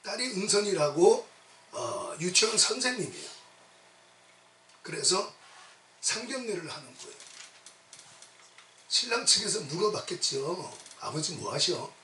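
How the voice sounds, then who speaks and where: Pastor guy preaching, high voice, keeps hammering the same point, big echoey church, mic far off. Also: big pitch swings, unhurried, long pauses, bright, forceful tone, slight background noise. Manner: emphatic, repetitive exhortation with call-and-response. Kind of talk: sermon. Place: church sanctuary at a retreat. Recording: echoey hall, mic at a distance. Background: congregation answering amen.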